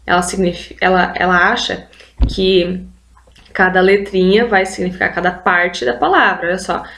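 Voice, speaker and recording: A woman with a Brazilian accent teaches early literacy in a recorded video lesson. Her voice sits in a middle pitch and bounces around a reverberant room. She walks through examples patiently and keeps addressing viewers directly. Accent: Brazilian Portuguese. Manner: explains with frequent "olha só" prompts, addressing viewers as "gente".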